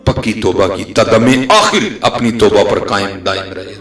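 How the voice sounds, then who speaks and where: A man preaching a sermon and telling a story dramatically, swinging between loud declaiming and hushed tones. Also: fairly low pitch. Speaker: religious preacher. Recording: roomy echo, faint music.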